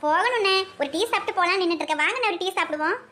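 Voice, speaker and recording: A woman's voice: extremely high pitch, very fast, bright, forceful tone. A woman voicing a hot-tempered young husband in a cartoon, with a Kanyakumari Tamil accent, grumbling indignantly.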